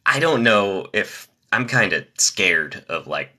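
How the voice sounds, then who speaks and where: On a live stream, a young man fires off one joke after another with lively energy. He keeps his voice low and drives it from the diaphragm so his nasal voice won't come through.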